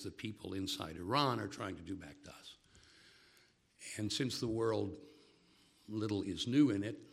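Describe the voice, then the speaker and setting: An older man giving a lecture. He speaks in a measured way and breaks off into stories and asides. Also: sits low, creaky, fairly bright tone, slightly rough.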